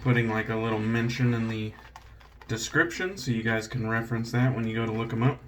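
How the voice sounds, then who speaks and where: A man's voice: medium pitch, little pitch movement, brisk, a bit bright, a little hiss or hum. Laid-back rambling man vlogging a shave. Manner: laid-back, rambling, self-deprecating, swears casually. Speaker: shaving channel host. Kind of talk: casual vlog chat while shaving.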